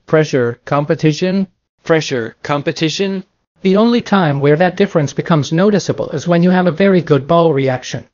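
At moderate pace and a fairly high pitch, an older man teaches a bowling class, his voice a little mellow as he emphatically poses questions and answers them himself. He's lecturing as a coach in a classroom with a projector screen, captured in a dry, dull recording.

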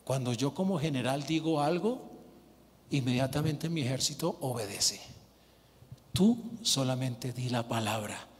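Man doing a roman officer, lower earnest humble tone, long echo. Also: expressive, unhurried, natural voice. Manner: low, earnest and humble pleading. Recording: reverberant church hall.

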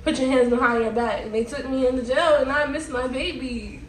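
A young American woman with a high, steady voice talks fairly quickly while making prank phone calls for a video. She's in an indoor room with a cloth backdrop, and the recording is echoey and faintly noisy, picked up by a distant mic.

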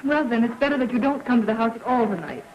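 A woman's voice: a little high, animated, fast talker, slight background noise, natural voice. An actress playing a poised, insistent young society woman in early talkie film style, on a muffled vintage soundtrack. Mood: insistent, impatient.

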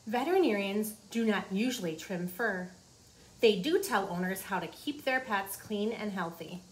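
Teacher-like, a woman in her forties reads a children's nonfiction book aloud in a small office, explaining simply for young listeners. Her mid-range voice has lively intonation and a moderate pace. The recording carries clearly noisy room ambience.

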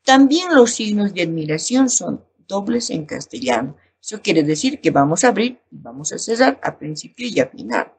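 A woman teacher with a Bolivian Spanish accent, explaining a lesson slowly and reading examples aloud. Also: on the low side, sing-song, a little mellow, slight background noise. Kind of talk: recorded class lesson.

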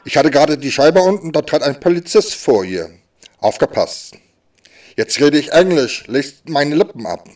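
A man speaking as a sign language voice interpreter, voicing stand-up comedy in a lively way that swings between loud and soft. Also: on the high side, moderate pace, recorded from a distance.

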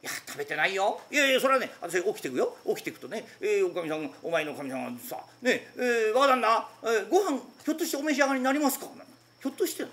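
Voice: mid-range voice, voice pushed up. A performer doing a carefree lazy young master. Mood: gossipy. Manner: lively, quick, playful comic delivery. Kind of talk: rakugo storytelling. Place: former public bathhouse used as an event venue.

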